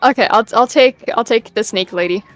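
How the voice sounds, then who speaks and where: Expressive young woman, slightly high voice. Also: faint music behind. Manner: expressive, quick to react, swears casually. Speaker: gamer. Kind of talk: casual gameplay chat and reading game text aloud.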